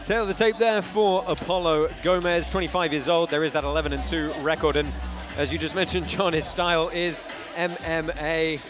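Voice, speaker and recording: A man's voice: on the high side, fairly even intonation, a little fast. A man giving live fight commentary as a play-by-play broadcaster. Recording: music and crowd noise behind voice. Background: arena crowd and music.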